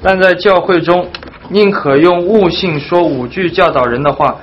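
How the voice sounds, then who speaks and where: A man reading Bible verses aloud during a group study, in a steady, even manner. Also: sits high, moderate pace. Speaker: scripture reader in a Bible study. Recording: dull lo-fi recording, faint hiss.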